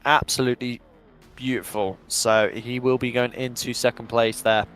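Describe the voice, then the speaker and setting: A man's voice: medium pitch, level tone, moderate pace, fairly bright tone, faint music behind. Upbeat male sim-racing commentator. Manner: chatty, upbeat play-by-play, reads out live chat. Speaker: drift race commentator. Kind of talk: live esports commentary.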